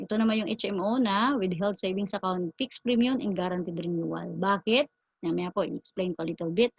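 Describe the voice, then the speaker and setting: Filipino woman, mid pitch, lively seminar educator, dry slightly muffled recording. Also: dry recording. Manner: animated, asks and answers her own questions. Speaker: financial educator. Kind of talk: seminar talk on health plans.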